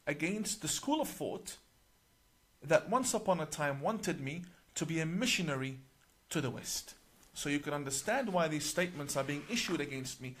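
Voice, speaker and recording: A man speaking as a religious cleric, giving a deliberate, emphatic explanatory talk to camera and citing sources page by page. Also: fairly high pitch, a bit bright, husky.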